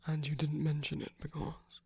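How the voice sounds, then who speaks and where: Concerned and chiding, an ASMR performer plays a commanding villain who is tender and protective of a lover in a scripted intimate monologue. The medium-pitched, darkish voice is breathy and gravelly, delivered completely flat and often sinking to a whisper. Slow, deliberate, coaxing lines with long pauses are recorded close and dry, without any room sound.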